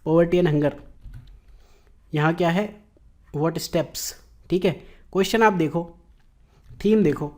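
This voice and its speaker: A middle-aged man with an Indian accent, lecturing on exam questions and slowing down to read each question out. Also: on the high side, warm tone. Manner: explanatory, slows down to read English question text. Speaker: exam coaching teacher.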